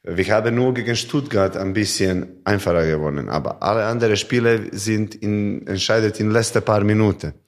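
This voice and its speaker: A male handball player from Montenegro speaks halting German, not his first language, with many fillers in a podcast interview. His voice is fairly low.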